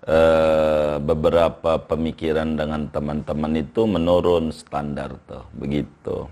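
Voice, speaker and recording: An older man, an Islamic scholar, explaining at length in a relaxed interview and reciting Arabic text aloud. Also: rumbling low, unhurried, gravelly.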